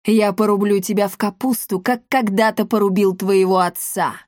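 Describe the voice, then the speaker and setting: A woman's voice: mid-range voice, steady tone, normal speed, a little mellow, no echo, studio quality, natural voice. Brief: woman narrator doing a haughty villain emperor, menacing and scornful, storybook tale. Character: cruel haughty male emperor.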